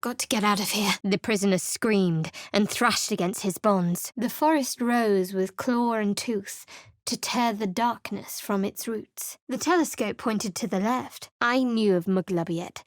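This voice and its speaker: An actress voices a guarded, sardonic young woman cleric in a studio game, also doing narration, in a dry and cutting manner. Her mid-range voice is natural and unhurried, and the recording is dry.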